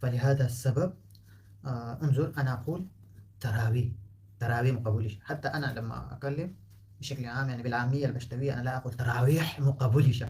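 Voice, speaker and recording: A man whose first language is Pashto gives a relaxed spoken lesson, patiently explaining and repeating words to show how they are pronounced. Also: medium pitch, quick pace. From Afghanistan. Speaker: language teacher.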